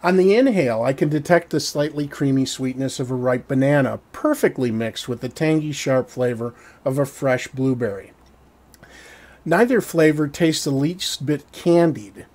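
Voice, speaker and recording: A man in his thirties with a mid-range voice delivers a scripted product review to camera, wry and descriptive, at a measured pace. He's on a standing mic in a small, dark indoor studio.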